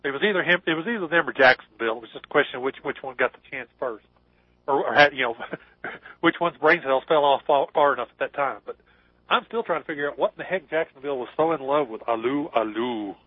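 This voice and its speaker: A man's voice: mid-range voice, fast talker, dry recording. A man calling in to a radio show over the phone, joking around with the host and laughing often. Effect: heard over the phone line. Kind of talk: joking casual chat. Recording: dull, dry phone line.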